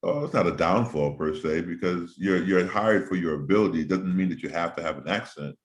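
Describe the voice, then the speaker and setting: Very deep-voiced male interview host. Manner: thoughtful, rambling, pauses with many um's. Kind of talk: casual interview chat.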